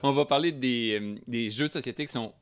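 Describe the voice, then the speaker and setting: A man from Lac-Saint-Jean with a Québécois French accent, a guest talking board games in a casual podcast chat, quiet and hesitant with fillers. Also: mid-range voice, fairly quick, clear, resonant tone. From Lac-Saint-Jean, Quebec.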